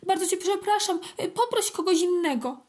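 A woman voicing a small nervous fish that apologizes anxiously in a high voice. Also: expressive, normal speed, a little mellow.

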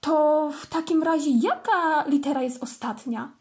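A small boy kitten in a children's storybook, curious and quick to take offence, played by a woman. The voice sits well above an ordinary speaking voice, and he talks slowly and deliberately. He sounds childlike, eager and indignant. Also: sits high, darkish tone, pitched above the performer's own voice. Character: curious, easily offended little male kitten.

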